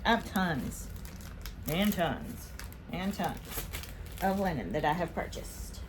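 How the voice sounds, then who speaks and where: Chatty lower-voiced woman host. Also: slow pace, background noise. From Spain. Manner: chatty, excitedly unboxing purchases. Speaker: vlog host. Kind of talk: casual haul vlog.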